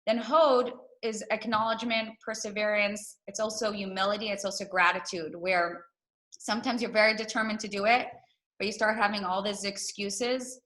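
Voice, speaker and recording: A woman teaching in a loose, conversational way, peppering her talk with fillers and slipping into little acted inner voices. Her tone is bright and forward. She sounds like a mother of five talking to friends. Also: mid-range voice, steady tone, normal speed, low-quality recording. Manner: chatty, filler-heavy, acts out inner voices. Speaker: teacher of Kabbalah tools for marriage.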